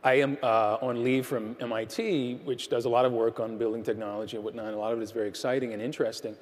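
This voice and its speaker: A man in his thirties speaks in a measured, frank way as a panelist in a large auditorium. His lapel mic catches a long hall reverb around a mid-range voice. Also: mid-range voice, level tone. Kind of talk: panel discussion.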